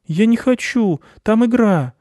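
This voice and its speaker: A man's voice: high voice, animated, unhurried, warm tone, no echo, clean studio sound, pitched above the performer's own voice. A man doing a whiny, stubborn young boy. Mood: protesting. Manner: whiny and protesting. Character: young boy hooked on his phone, stubborn.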